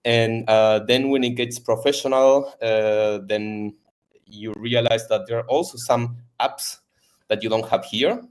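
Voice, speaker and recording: This Argentine man, whose first language is Spanish, speaks with an Argentine accent in a steady, mid-range voice. He's a guest on a podcast, chatting casually in an interview and stumbling along with frequent fillers and repeated words.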